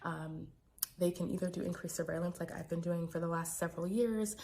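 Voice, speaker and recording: An American woman talks quietly but clearly to her viewers in a reflective, hesitant video diary. Her voice sits a little low with a noticeable creak. There is faint noise in the home recording. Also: steady tone, brisk. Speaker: physician vlogger. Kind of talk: personal video diary, casual monologue.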